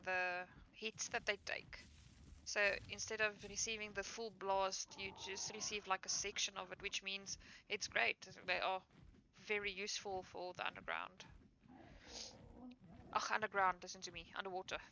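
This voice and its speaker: A woman's voice: mid-range voice, fairly even intonation, normal speed, bright, forceful tone. A woman giving casual commentary while playing a survival game, tired and yawning, rambling and correcting herself with many fillers. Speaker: gaming streamer. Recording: dull lo-fi mic with faint noise.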